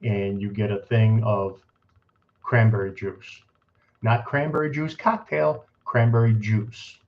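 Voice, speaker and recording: A man co-hosts a live stream in a low, steady voice, speaking slowly. He chats casually and jokes in an easygoing way, and the stream audio sounds dull and lo-fi.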